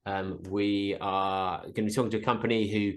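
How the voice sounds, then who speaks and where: A man's voice: lowish voice, little pitch movement, normal speed. A man co-hosting a podcast, easygoing and a bit hesitant, with dry teasing humor. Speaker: podcast co-host. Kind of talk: casual chat.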